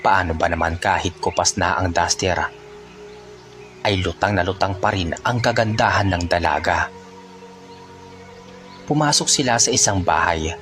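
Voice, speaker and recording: Male storyteller, very deep voice, even pace, faint music bed. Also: moderate pace, long pauses. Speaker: narrator. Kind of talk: storytelling narration.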